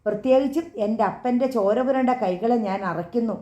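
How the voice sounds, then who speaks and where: A woman voicing a grown daughter who speaks in a firm, measured, accusing voice. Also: on the high side, warm tone, roomy sound, dull audio, natural voice. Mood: bitter, firm.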